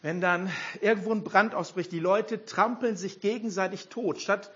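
An older man preaching a sermon, animated and throwing rhetorical questions at the congregation. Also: sits high, normal speed, slightly rough. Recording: dull lo-fi sound.

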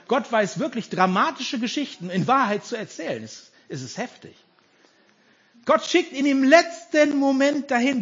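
Animated, high-voiced male preacher. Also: slightly rough, lo-fi sound. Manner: animated, emphatic preaching that addresses the congregation directly. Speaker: pastor. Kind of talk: sermon.

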